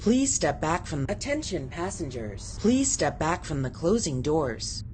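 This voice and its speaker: A woman's voice: deep voice, big pitch swings, unhurried, very noisy. A woman giving formal, scripted public announcements in the manner of an airport or train station announcer. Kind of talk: recorded transit announcement, like an airport announcement.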